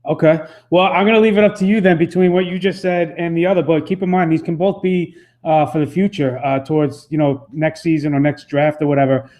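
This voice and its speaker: A man's voice: on the high side, fairly even intonation, brisk, few pauses, darkish tone. A man hosting a podcast interview, talking casually in a rambling way with many fillers. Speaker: podcast host.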